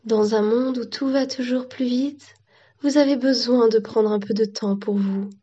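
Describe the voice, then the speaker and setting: Woman doing very slow ad announcer. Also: a little high, steady tone, mellow, breathy edge. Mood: smooth. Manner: very slow, drawn-out. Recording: dull lo-fi recording.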